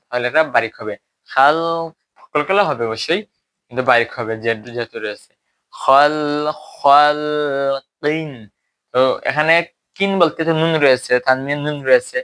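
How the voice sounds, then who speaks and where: Bright-voiced man teaching recitation. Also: medium pitch. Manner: explains step by step and checks understanding with questions; slowly models drawn-out recitation examples. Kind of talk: explanatory Tajweed lesson.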